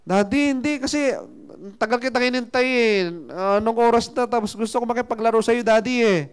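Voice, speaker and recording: Casting: a man putting on a small child, whiny and insistent, high and pleading. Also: steady tone, brisk, smooth.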